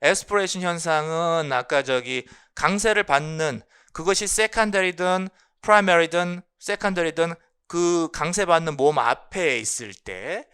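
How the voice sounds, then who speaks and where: Explaining phonology in an exam-prep lecture, this male English linguistics lecturer sounds bright and crisp, with pitch that bounces energetically. He's lively, drives key points home through repetition, and answers the very questions he asks.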